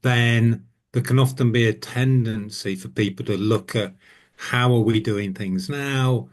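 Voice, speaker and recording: A man from the United Kingdom on a discussion panel, explaining his view thoughtfully with pauses and rephrasing over a video call. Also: fairly low pitch. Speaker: panel guest, senior business analyst.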